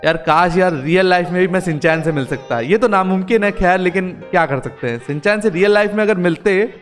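Guy doing a game roleplay, super excitable, keeps shouting out, faint music behind. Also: high-pitched, a little fast. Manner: excitable, full of exclamations and fillers. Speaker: gaming channel host. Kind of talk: casual game role-play narration.

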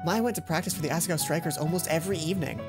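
This young adult woman has a deep voice and races through the text of a visual novel she reads aloud as a let's play host. She speaks into a headset while sitting at a computer in a room, and game music can be heard behind her.

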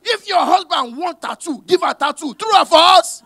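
A man with a Nigerian accent works a live cinema crowd in Pidgin and English. His voice sits very high and swings widely in pitch as he shouts his punchlines. The mic sound is dry and close, with a faint crowd behind him. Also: lively intonation, moderate pace, no room sound. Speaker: stand-up comedian. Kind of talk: stand-up comedy in Pidgin and English. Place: cinema hall stage with a live audience. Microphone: handheld mic. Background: audience laughter.

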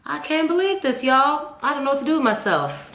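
A woman hosting a reaction video, chatty and animated, who breaks into excited squeals and sings along. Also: sits high, a little fast, background noise. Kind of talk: casual reaction commentary. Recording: echoey room with loud music playing.

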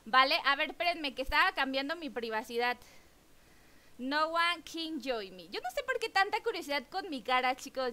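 A young Mexican woman chatting excitedly with her viewers while streaming a game, exclaiming and bubbly. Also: high-pitched. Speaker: gaming streamer. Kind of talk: live-stream chat while gaming.

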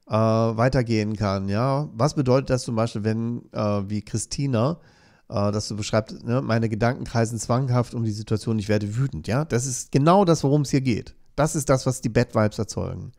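A man's voice: medium pitch, a little mellow. Earnest man coaching on a live show. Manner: earnest, keeps adding questioning "ja?" tags. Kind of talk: live-stream coaching talk, reading viewer comments aloud.

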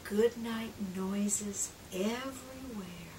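Reading a picture book to young children, a middle-aged woman uses a gentle, expressive mid-range voice, drawing phrases out, slipping into whispers, and questioning her listeners. She works as a children's read-aloud presenter and trainer. A far-off camera microphone in a small, picture-book-lined room records her along with clear room noise.

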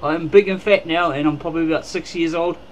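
A man's voice: fairly high pitch, fairly even intonation, fast, a little hiss or hum, voice pushed up, natural voice, poor audio. A man voicing his fat, pampered male house cat, cheery and full of self-praise. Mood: cheery, smug.

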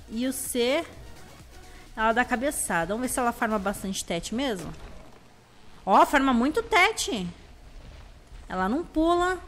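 Excitable Brazilian woman gamer, high voice. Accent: Brazilian Portuguese. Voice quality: slightly hoarse. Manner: chatty, excitable, bursts into high shrieks. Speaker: gameplay video host. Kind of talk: casual let's-play commentary.

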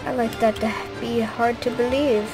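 A woman casually commenting on her own gameplay, mostly muttering and grumbling to herself, sometimes breaking into loud shouts. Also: fairly high pitch, steady tone, normal speed. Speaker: gaming YouTuber. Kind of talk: casual let's-play commentary. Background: clear music.

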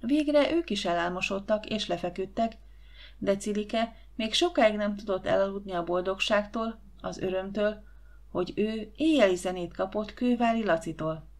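Woman, audiobook narrator, gentle even storytelling, mid-pitched voice.

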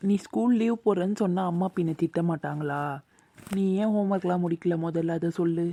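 A woman's voice: on the low side, a little fast, warm tone, no room sound, close to an everyday voice. A woman voicing a kind man who coaxes and reassures a crying boy in a cartoon. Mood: coaxing. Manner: coaxing, reassuring.

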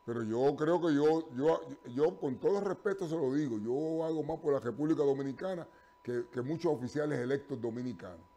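A man's voice: on the high side, mellow. An older man hosts a live TV call-in show from a studio and speaks into a lapel mic. His speech halts on fillers and restarts, then pushes into emphatic stretches. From Puerto Rico. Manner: halting, with many fillers and restarts, turning emphatic. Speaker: TV call-in show host and pastor.

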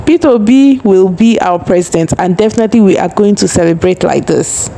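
A woman's voice: medium pitch, a little fast, gravelly, mellow, slight background noise, low-quality recording. A Nigerian woman giving casual news commentary as a voice-over, chatty and talking straight to her viewers. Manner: chatty, addresses viewers as guys, says trust me. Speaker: blog news narrator.

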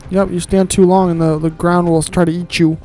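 A man's voice: high voice, flat delivery, brisk, mellow, rough recording. A man giving casual, grumbling let's-play commentary while he plays, with sarcastic asides and casual swearing.

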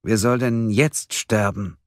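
A man's voice: lowish voice, steady tone, slow, no echo, voice pushed up. A bound woman detective who holds her fear down behind a pressed, strained voice, as a male reader puts her on. It sounds dry and close. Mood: tense. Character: frightened bound young woman detective, tense.

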